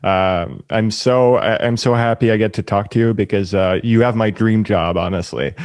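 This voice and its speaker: A man's voice: fairly low pitch, normal speed, a little mellow, smooth, no echo, clean studio sound. A man hosting a podcast interview, encouraging his guest and hedging his questions with fillers. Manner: encouraging, with many fillers and restarts. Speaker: podcast host. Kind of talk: casual interview chat.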